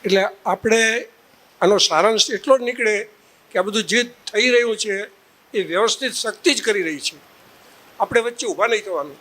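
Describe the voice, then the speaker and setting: Bright, high-voiced man calling out answers. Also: normal speed, rough recording. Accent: Gujarati. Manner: brief eager call-and-response replies. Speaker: devotee answering the teacher.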